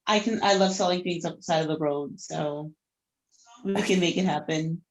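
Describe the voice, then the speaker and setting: A woman's voice: lowish voice, moderate pace. A woman on a video call chatting casually and upbeat, sprinkling her talk with "like". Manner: upbeat, full of "like". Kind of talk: casual chat. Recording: dull lo-fi line.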